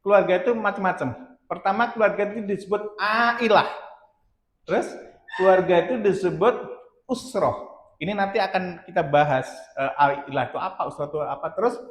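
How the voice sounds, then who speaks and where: A man's voice: high voice, fairly bright tone, reverberant. A man giving a humorous religious talk at a marriage seminar, acting out little dialogues with laughter. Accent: Indonesian.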